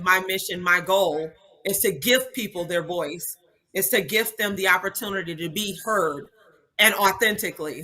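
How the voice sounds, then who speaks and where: A woman's voice: medium pitch, bright, forceful tone. A woman speaker and coach answering interview questions in a polished, upbeat way.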